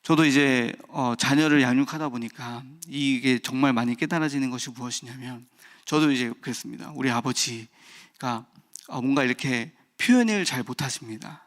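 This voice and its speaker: A man's voice: medium pitch, moderate pace, fairly bright tone. Guy preaching at a morning service, thirties, talks personal and unpolished, lots of uh and restarts. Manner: candid, personal, with many fillers and restarts. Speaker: pastor. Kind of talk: early-morning sermon.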